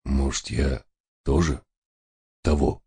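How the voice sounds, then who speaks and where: A man voicing a dim-witted, easily frightened man who drags his words out in a hoarse, whimpering mumble. His voice sits deep and low, and it sinks softer whenever panic sets in. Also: measured pace, full character voice. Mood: whiny. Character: jittery dim-witted man, fearful and whiny.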